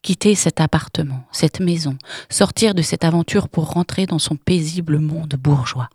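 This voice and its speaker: Low, husky female audiobook narrator. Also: darkish tone, no room sound, clean studio sound. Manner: measured, dramatic, often dropping to a whisper.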